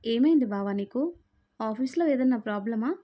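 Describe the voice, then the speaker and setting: A woman's voice: fairly high pitch, brisk, lightly acted. A woman voicing an innocent, loving young wife who talks in a pleading, affectionate way. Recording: dull lo-fi sound.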